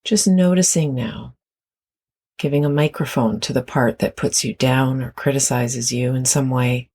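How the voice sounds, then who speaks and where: Speaking at a medium pitch with a breathy edge, a meditation guide offers gentle, unhurried instructions. Her intonation stays fairly even, and long pauses separate each phrase.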